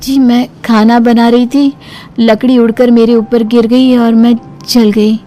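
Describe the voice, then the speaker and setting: A woman putting on a young daughter-in-law's voice, pitched well above her own, earnest and pleading. Faint music plays behind her. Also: level tone, a little slow, dark tone, lightly acted. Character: young daughter-in-law, gentle but firm.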